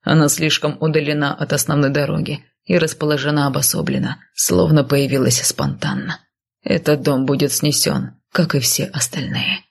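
A woman voicing a stern but tender northern man, in whispered role-play with a low, husky whisper. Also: lively intonation, normal speed, heavily acted. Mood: firm. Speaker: male character voiced by narrator.

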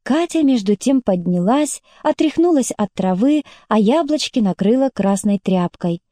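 A woman narrates an audiobook in a measured storytelling manner. Her voice is somewhat high but mellow and soft-edged. The recording is close and dry. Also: lively intonation, dry recording. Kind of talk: scripted narration.

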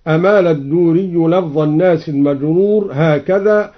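A man from Egypt explains variant readings of scripture in a measured, precise way and chants each example slowly, heard on an old radio recording. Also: fairly high pitch, dull audio. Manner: measured, precise, switching between plain explanation and slow chanting. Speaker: Quran reciter and teacher.

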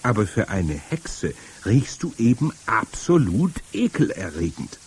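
A man reading aloud and voicing a stern old grandmother who explains things firmly, with a husky voice. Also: lowish voice, very animated, darkish tone, pitched above the performer's own voice, exaggerated voice. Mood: stern, lecturing. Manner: firm, lecturing, drawn-out emphasis. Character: stern old grandmother, matter-of-fact storyteller. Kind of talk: audiobook reading.

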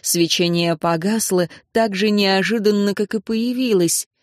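Measured woman narrating a dramatic audiobook. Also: medium pitch, no room sound, clean studio sound.

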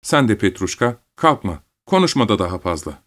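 A man voicing a guilt-ridden young mother who pleads in a hushed voice. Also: fairly low pitch, very animated, moderate pace. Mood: soothing.

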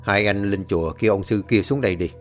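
A man playing a stern old exorcist who gives gruff, commanding orders. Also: on the low side, very animated, brisk, soft background music. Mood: calm. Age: older. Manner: commanding, scolding.

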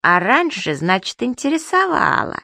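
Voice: medium pitch, very animated, moderate pace, pushed and bright, no room sound, pitched above the performer's own voice. Subastik, a reader doing a chirpy magic imp. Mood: teasing. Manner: chirpy, wheedling, pestering. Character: cheeky childlike male magic creature, gluttonous.

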